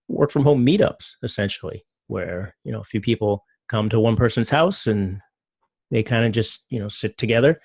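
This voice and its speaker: A middle-aged man giving a relaxed talk, loose and rambling, full of fillers. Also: medium pitch, creaky, no room sound, studio quality. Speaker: presenter. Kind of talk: casual talk with slides.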